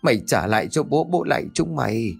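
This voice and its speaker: A man's voice: mid-range voice, sing-song, brisk, gravelly, breathy edge, faint music behind, pitched above the performer's own voice, full character voice. A man voicing a frail old father who begs and wails, his voice trembling. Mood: desperate pleading. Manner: trembling, begging.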